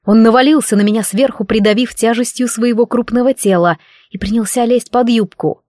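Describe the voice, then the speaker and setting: Woman reading fiction aloud, higher voice, steady storytelling, dry close recording. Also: brisk, no room sound. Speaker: audiobook narrator. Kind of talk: scripted first-person fiction narration.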